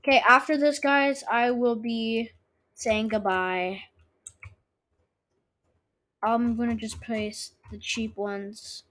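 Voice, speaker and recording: A woman with a fairly high voice gives casual let's-play commentary at an unhurried pace. She talks straight to her viewers as she plays, asking them to subscribe. She records on her own microphone. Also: fairly even intonation, a bit bright. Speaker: gaming channel host.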